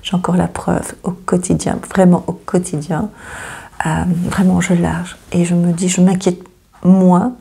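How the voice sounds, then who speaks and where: Woman host, low gravelly voice, hesitant and reassuring astrology talk, flat delivery. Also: measured pace. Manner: hesitant, many fillers and repeats, gently reassuring. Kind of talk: casual astrology reading to camera.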